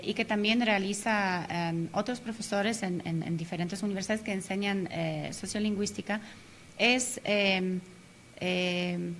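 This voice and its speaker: A woman teacher speaks as a radio interview guest, explaining step by step and pausing often on fillers. Her pitch is mid-range for a woman, and a faint hiss sits under the studio recording. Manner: explanatory, many hesitation fillers.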